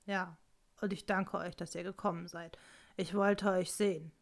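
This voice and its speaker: A woman voicing an amorous king who speaks softly and pleadingly in a slightly lowered voice. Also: little pitch movement, moderate pace, natural voice. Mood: hushed yearning. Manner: soft, hushed, pleading. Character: amorous king, a man, low and yearning.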